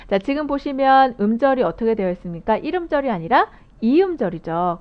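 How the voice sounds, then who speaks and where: A woman giving a recorded phonics lecture to teachers, explaining rules step by step and asking her viewers questions. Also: medium pitch. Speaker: phonics instructor training teachers. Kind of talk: video lecture. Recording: dull lo-fi audio.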